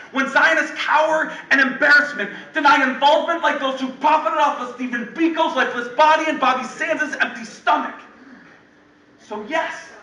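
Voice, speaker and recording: A man's voice: very high voice, sharp tone, a little hiss or hum. An American man performing spoken-word poetry in an emphatic, rhythmic, declamatory way. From western Massachusetts, USA. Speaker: performance poet. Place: event room with an audience. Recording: echoey room, voice from far off.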